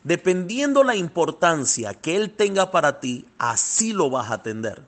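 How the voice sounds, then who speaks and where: A man preaching a fervent sermon, calling his listeners beloved and swinging between soft passages and loud, thundering ones. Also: on the high side, sing-song, moderate pace. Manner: fervent, addresses listeners as "amado".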